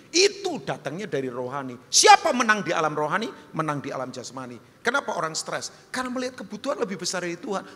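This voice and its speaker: Lively preaching pastor, man, big hall. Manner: animated, jumps high for questions and quoted voices, drops low and soft for appeals; humorous storytelling with asides to the congregation. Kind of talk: sermon. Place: large church hall. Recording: long hall reverb.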